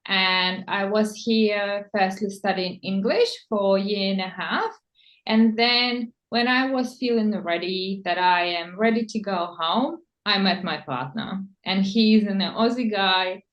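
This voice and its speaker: A woman from the Czech Republic, a native Czech speaker, talking slowly as a personal stylist in an interview, searching for words in English. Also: medium pitch. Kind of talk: conversational interview. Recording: echoey room.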